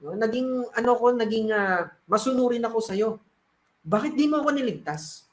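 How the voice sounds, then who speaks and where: A stubborn man who prays desperately and snaps at anyone who tries to help, as a man acts him out. He pleads and then turns indignant. The voice sits high and sounds roomy, with a noticeable echo. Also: moderate pace, natural voice. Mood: complaining. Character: desperate praying man, stubborn, grows irritable.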